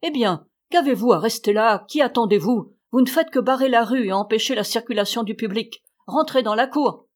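Woman reader doing a stingy old grouch, loud and sneering, audiobook character. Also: a little high, moderate pace, close to an everyday voice. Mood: scolding. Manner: loud, scornful shouting. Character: grumpy miserly old man scolding his animals.

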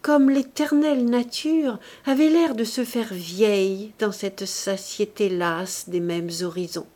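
A woman reading a classic novel aloud as an audiobook narrator, in measured and expressive storytelling. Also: mid-range voice.

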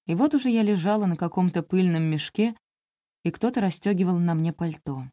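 A woman's voice: lowish voice, brisk, mellow, no room sound. A woman narrating a first-person audiobook in a confessional, intimate storytelling manner.

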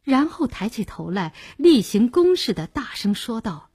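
Brief: female audiobook narrator, husky, expressive, lively melody. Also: a little high, unhurried. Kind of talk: scripted novel narration.

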